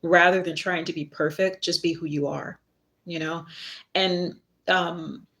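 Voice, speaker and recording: Her voice sits on the low side, steady and fairly bright, at a measured pace. A middle-aged author and spiritual worker, she chats casually on her live stream, rambling slightly and laughing at herself as she reads from her book in a self-deprecating manner.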